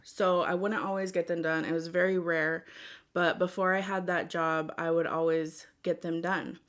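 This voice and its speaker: Female food vlogger, lowish pitch, informal and rambling, talking straight to viewers at an easy, unhurried gait. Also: little pitch movement. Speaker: mukbang vlogger. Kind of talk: casual chat to viewers.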